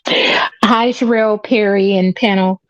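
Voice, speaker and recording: A woman's voice: medium pitch, fairly even intonation, unhurried, no echo. A woman calling in on a phone line that fades in and out, giving blunt opinions and calling people "baby". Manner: opinionated, says "baby" to her listeners. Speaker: caller. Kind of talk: live call-in commentary. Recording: dull, dry phone line.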